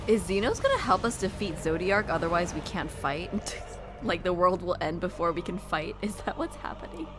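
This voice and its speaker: Expressive woman reacting to a game. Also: fairly low pitch, normal speed, noisy background. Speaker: game streamer. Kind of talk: casual live reaction to a video game. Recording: game music behind the voice.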